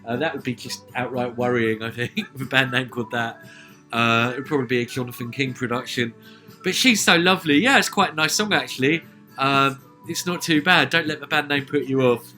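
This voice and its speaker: A man's voice: medium pitch, a little fast, bright, forceful tone. A man from southern England with a southern English accent, hosting a music podcast in a chatty, rambling way, full of "uh" fillers and chuckles. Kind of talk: casual music review commentary.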